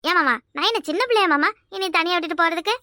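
A woman's voice: extremely high pitch, racing, bright, forceful tone, no echo, studio quality. A woman voicing a cheeky, earnest young village girl in a cartoon, with a Kanyakumari Tamil accent. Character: young unmarried village girl, spirited and fond.

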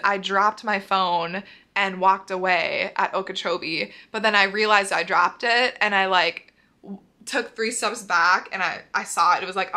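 A young woman with a Minnesota accent talks in a bright, sparkly tone from her apartment. She rambles cheerfully, peppering everything with "like", at a middle pitch. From Minnesota, USA. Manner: bubbly, rambling, heavy use of "like", frequent laughs. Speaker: vlogger. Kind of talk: casual chatty advice vlog.

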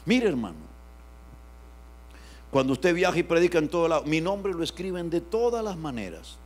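A man pastor, preaching an animated sermon that swings from loud outbursts to hushed asides. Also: on the high side, moderate pace.

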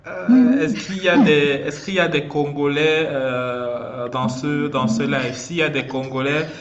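Hosting a casual student livestream, a young Cameroonian man with a fairly high voice chats haltingly and calls out to viewers through a headset. He's in a small indoor room, and the video-call audio sounds muffled with faint hiss.

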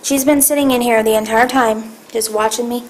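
A woman presenting a shelter cat, chatting casually and slipping into soft baby talk with the animals. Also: a little high, steady tone, brisk, slight background noise, low-quality recording. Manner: chatty, coos and baby-talks to the cats. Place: animal shelter room with cages.

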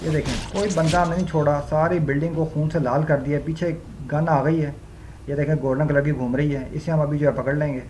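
Man, gameplay walkthrough commentary, fairly high voice, repetitive fillers, faint background hiss. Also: steady tone, fairly quick, darkish tone. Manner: repetitive filler phrases, explains step by step. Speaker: gaming channel host.

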